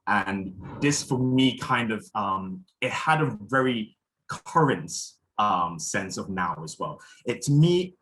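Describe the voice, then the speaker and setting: A man's voice: sits low, fairly bright tone, a little hiss or hum, rough recording. A young man from Malaysia giving a spoken introduction as a symposium chair, thoughtful, with frequent fillers and restarts.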